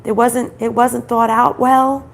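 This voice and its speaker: A woman with a groggy, croaky voice from a troubled throat, doing a conversational card reading in halting, repeated phrases and questions. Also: fairly high pitch, little pitch movement. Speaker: spiritual card reader, host.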